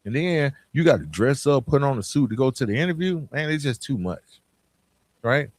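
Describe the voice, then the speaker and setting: With a medium-pitched, very animated voice at normal speed, a man hosts a podcast with no echo on the recording. He offers an emphatic motivational monologue in casual, informal language, weaving in stories and returning to key phrases.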